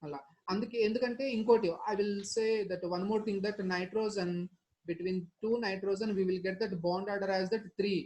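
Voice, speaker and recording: A man's voice: sits high, fairly even intonation, very fast, a little mellow, low-quality recording. A man with a Telugu Indian accent, a native Telugu speaker, teaching an interactive lesson by repeating points and prompting with questions. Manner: repetitive, question-led explaining with frequent tag questions. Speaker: chemistry teacher.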